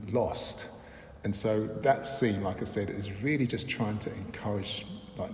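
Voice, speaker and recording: A middle-aged London man who is a filmmaker and lecturer answers interview questions thoughtfully, his low-pitched voice darkish in tone. He is measured, with regular "um"s and restarts. A reverberant hall adds a long echo and faint background noise.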